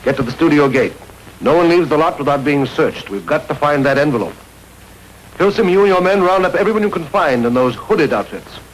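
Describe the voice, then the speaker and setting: A man playing a fast-talking, commanding detective. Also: a little high, animated, a little hiss or hum, close to an everyday voice, poor audio. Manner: quick and commanding. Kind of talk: 1930s radio acting.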